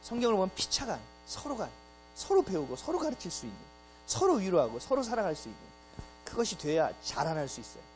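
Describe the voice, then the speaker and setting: A male pastor giving an animated Sunday sermon, full of rhetorical questions and acted-out quotes. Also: high-pitched, fast, faint music behind, low-quality recording. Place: church sanctuary.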